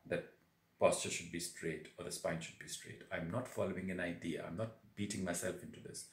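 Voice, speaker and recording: A man giving a spoken yoga breathing lesson, explaining in a halting, deliberate way with repeated words. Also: sits low. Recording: roomy echo on the voice.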